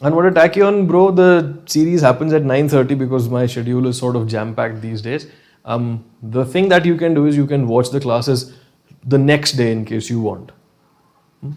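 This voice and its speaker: A man with a North Indian accent speaks as an online teacher in a live class. His voice sits at an average pitch. He talks conversationally, mixes in Hindi phrases, and keeps checking in with short questions. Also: normal speed, darkish tone.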